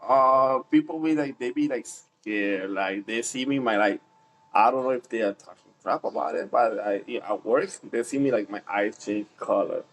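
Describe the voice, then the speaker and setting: A man from Puerto Rico hosting a casual podcast chat, relaxed and rambling, trailing off with fillers. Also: medium pitch, normal speed, rough recording. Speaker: podcast host.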